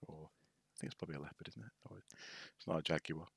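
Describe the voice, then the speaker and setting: A man from North Wales with a very deep voice that still has a bright, crisp edge rambles casually through a live stream. He hesitates, restarts and drops wry asides. The sound is close and dry. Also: little pitch movement, fast, no echo. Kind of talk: casual rambling show-and-tell.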